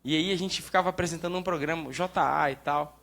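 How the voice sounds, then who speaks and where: A young man with a Brazilian Portuguese accent giving a lively, joking sermon talk at church. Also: on the high side, fast talker, gravelly. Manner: lively, jokes and acts out quoted prayers. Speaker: church speaker.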